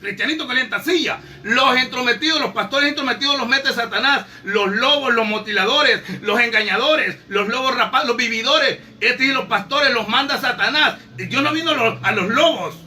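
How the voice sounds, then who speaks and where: A man's voice: very high voice, normal speed, few pauses, bright, forceful tone. A man preaching a fervent sermon with speech, scolding and rhetorical, full of fillers and repeated questions. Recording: distant mic with faint music.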